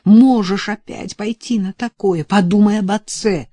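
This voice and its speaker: A woman's voice: medium pitch, unhurried, mellow, dry recording, voice pushed up, close to an everyday voice. A woman reading the part of a worried middle-aged mother who pleads anxiously with her daughter. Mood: pleading.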